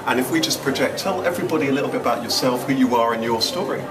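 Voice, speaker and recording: Brisk male interviewer, eager and encouraging, recorded off-mic in a roomy, crowded cafe. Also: medium pitch, far from the mic. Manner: eager, encouraging, paraphrases the guest. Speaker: interviewer, host. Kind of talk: casual interview. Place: noisy cafe.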